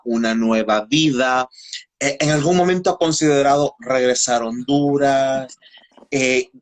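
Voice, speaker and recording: A man hosting a conversational interview who asks long, winding questions. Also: mid-range voice. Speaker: interview host.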